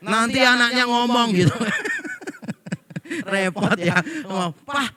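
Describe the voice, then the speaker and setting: A man's voice: very high-pitched, slow, sharp tone. A middle-aged male pastor, preaching a humorous sermon and acting out the people he quotes. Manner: joking storyteller, acts out quoted people.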